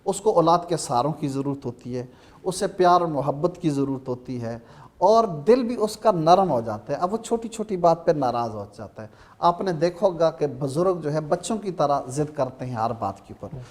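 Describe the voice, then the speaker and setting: A man with a Pakistani Urdu accent speaks as a religious scholar on a Ramadan TV program, his voice sitting a little high. He preaches emphatically and slows down to recite verses. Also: lively intonation, darkish tone. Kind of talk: Ramadan TV sermon-style talk.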